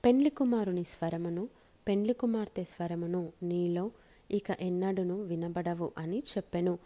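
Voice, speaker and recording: A woman reading scripture aloud in measured, solemn phrases with short pauses. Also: lowish voice, warm tone. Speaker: scripture reader.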